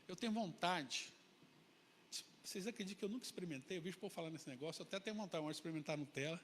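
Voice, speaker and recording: A male pastor with a Brazilian accent, preaching a sermon in a colloquial, animated storytelling way. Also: high voice, very fast, in a large hall, slight background noise. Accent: Brazilian Portuguese.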